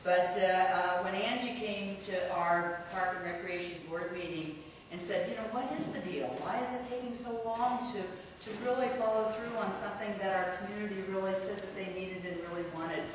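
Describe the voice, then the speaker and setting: A woman's voice: medium pitch, fairly even intonation, moderate pace, hardly any pauses. A woman in her fifties giving an earnest, rambling public speech with many fillers and restarts, introducing a guest. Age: 50s. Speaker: community speaker introducing a guest. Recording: echoey hall, far from the mic, noisy.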